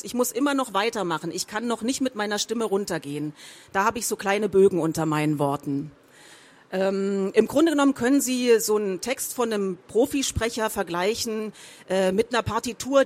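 A woman speaking as a professional voice-over artist, teaching how to read texts aloud and demonstrating emphasis with example sentences. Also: mid-range voice.

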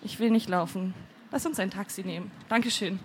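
Woman putting on a sluggish, clingy procrastination man; low, soft, coaxing. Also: brisk, a little hiss or hum, close to an everyday voice. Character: personified procrastination, fat lazy clingy man.

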